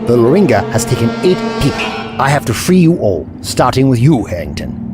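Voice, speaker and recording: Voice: medium pitch, sing-song, brisk, loud music behind the voice, lightly acted. A performer in an audio drama playing the Doctor, an eccentric, kindly time traveller who explains things in a wordy, scholarly way. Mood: determined.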